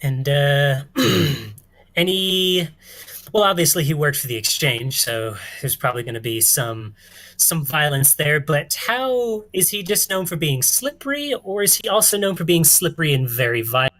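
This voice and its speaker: Brief: unhurried, halting tabletop player, jokey asides, casual table talk. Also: mid-range voice, animated, a bit bright. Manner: hesitant, full of joking asides. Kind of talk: casual tabletop game chat.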